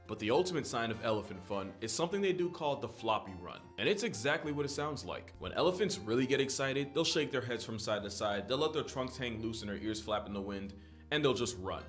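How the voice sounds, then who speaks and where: A man delivering comedic scripted narration in a slangy, wry, conversational manner. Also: medium pitch. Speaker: wildlife video narrator. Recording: music behind the voice. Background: background music.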